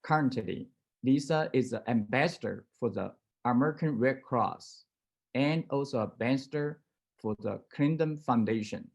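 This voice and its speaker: A man's voice: medium pitch, normal speed, gravelly, darkish tone. Man hesitantly reading a speaker introduction. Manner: reads from notes with hesitant fillers. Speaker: former association president introducing a speaker.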